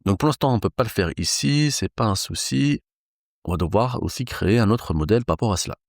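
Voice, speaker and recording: A low, gravelly male voice, recorded close and dry, walking through code live. He thinks aloud in a relaxed, casual way, pausing on fillers as he goes. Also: no echo. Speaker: programming instructor. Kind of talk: live coding tutorial.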